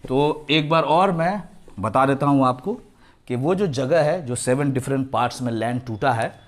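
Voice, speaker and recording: A man teaching a children's geography lesson, mixing Hindi with English terms and slowly repeating names to drill pronunciation. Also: medium pitch. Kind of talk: classroom lesson for young children.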